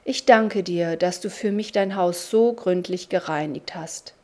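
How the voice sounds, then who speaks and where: A woman voicing a gentle, reassuring guest in a slow religious story. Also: on the low side, lightly acted. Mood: warm. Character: calm kind divine guest, gentle and reassuring.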